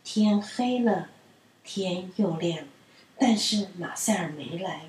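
A woman reading children's stories aloud in a gentle storyteller manner. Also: lowish voice, expressive, slow pace. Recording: roomy and distant.

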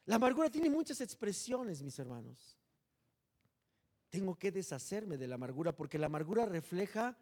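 High-pitched preacher guy, jokey sermon, goes loud then hushed. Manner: animated, joking, dramatic swings in loudness. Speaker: pastor.

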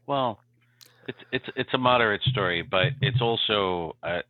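Man, low voice, tinny phone-line sound, dry, casual podcast storytelling. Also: moderate pace, no room sound. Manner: animated storytelling, repeats "okay?" to check in. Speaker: podcast co-host.

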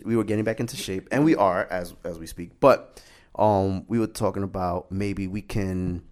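A man's voice: on the low side, darkish tone. A man co-hosting a casual podcast, chatty and rambling, laughing easily as he talks. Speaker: podcast co-host. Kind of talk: casual chat.

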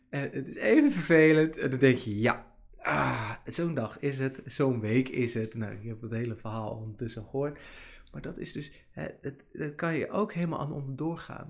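Man, thirties, podcast host, casual rambling monologue, lively swings in loudness. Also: medium pitch. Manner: chatty, rambling, many fillers and restarts.

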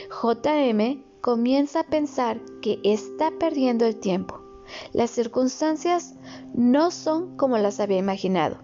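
Woman narrating slowly over soft music. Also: a little high. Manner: slow, measured reading with small slips and restarts. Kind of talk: read-aloud reflective narration. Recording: dull lo-fi recording with faint music.

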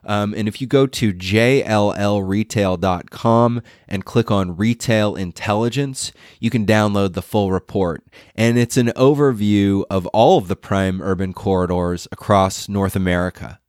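Low-voiced man, stuffed up with a cold. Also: measured pace, darkish tone, dry recording, studio quality. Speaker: podcast host. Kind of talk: scripted podcast segment.

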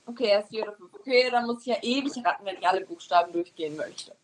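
A young woman co-hosting a casual guessing-game podcast, competitive and stubborn, musing aloud in drawn-out syllables. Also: mid-range voice. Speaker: co-host playing a guessing game.

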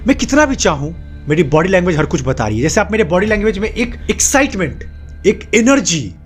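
A young man gives an animated motivational talk straight to camera. His voice sits high and leaps around constantly, stacking short emphatic phrases one on another. Soft music plays faintly underneath. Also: fairly quick, breathy edge. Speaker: self-help video host.

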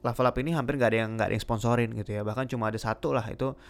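A young man with Jakarta slang hosting a casual solo podcast, talking fast with many filler sounds. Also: medium pitch, fairly even intonation. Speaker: podcast host.

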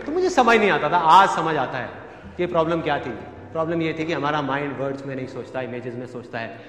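A man tells stories on stage in an animated way, slipping into the voices of the people he describes. His voice is high and bright, and it rings around a large hall with long reverb and faint ambience behind it. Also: fast talker. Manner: animated, acts out voices with humor. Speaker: motivational speaker. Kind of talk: storytelling stage talk.

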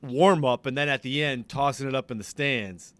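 A man's voice: medium pitch, moderate pace, fairly bright tone, no room sound. Chatty man hosting a sports podcast. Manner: laughing, chatty, tangents. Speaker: podcast host. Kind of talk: casual chat.

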